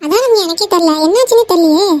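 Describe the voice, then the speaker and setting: A woman's voice: very high voice, expressive, quick pace, darkish tone, no echo, studio quality. A woman voicing a young office woman in a cartoon, complaining and gossiping animatedly. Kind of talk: Tamil cartoon voice acting.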